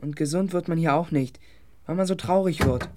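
A sullen, cheeky young boy, voiced by a woman in a children's audio drama. The voice is fairly low and sulky, with faint hiss behind it. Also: a little fast, natural voice. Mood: glum. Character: sullen, gloomy boy patient.

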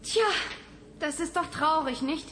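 A woman's voice: high voice, unhurried, slight background noise. Bibi Blocksberg, a cheeky girl witch. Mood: coaxing. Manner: bright, coaxing, persuasive. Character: young, cheeky, good-hearted girl witch. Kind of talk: children's radio play acting.

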